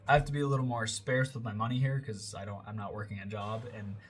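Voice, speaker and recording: A man's voice: fairly low pitch, little pitch movement, fast, a little hiss or hum. Stuffy-nosed young American man rambling. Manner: rambling, with self-corrections and filler words. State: congested, stuffy nose. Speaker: fitness vlogger. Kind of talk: casual voiceover commentary. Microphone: close voiceover mic.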